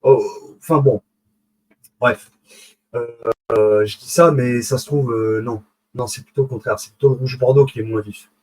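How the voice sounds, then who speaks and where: A man's voice: mid-range voice, fairly even intonation, moderate pace, pauses often, darkish tone, a little hiss or hum, low-quality recording. A man giving a casual live lecture, digressing, correcting himself, and checking in with his listeners as he goes. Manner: digressive, self-correcting, many fillers and restarts. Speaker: online lecturer on esoteric symbolism.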